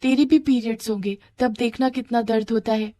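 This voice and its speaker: Brief: a young poor schoolgirl, voiced by a woman, soft, high and pleading, close dry storybook read. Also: steady tone, a little fast, no echo, lightly acted. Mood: earnest. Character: poor timid schoolgirl, gentle and hurt.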